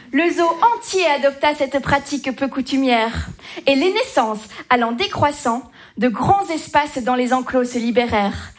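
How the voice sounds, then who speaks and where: High-voiced playful woman storyteller. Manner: playful, sing-song storytelling. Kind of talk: comic rhyming fable narration.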